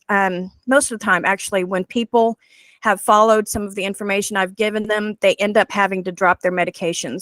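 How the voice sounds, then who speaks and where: A woman's voice: medium pitch, fairly bright tone, dry recording. A woman in her forties, a guest presenter telling her personal story in an earnest, heartfelt way over a video call.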